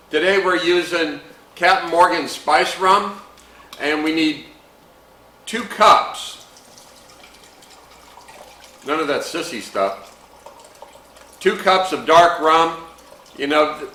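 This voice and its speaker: A man's voice: on the high side, sharp tone, roomy sound, far from the mic, rough recording. A man hosting a home bar show, walking through a drink recipe in a folksy, chatty way with playful pirate slang. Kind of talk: casual drink-making tutorial.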